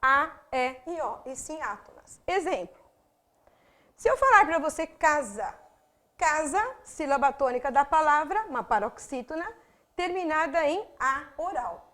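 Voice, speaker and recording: A woman's voice: high voice, lively intonation, unhurried, sharp tone. A woman with a Brazilian accent, teaching a grammar video lesson for exam candidates, explaining step by step to the viewer with frequent asides. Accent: Brazilian Portuguese.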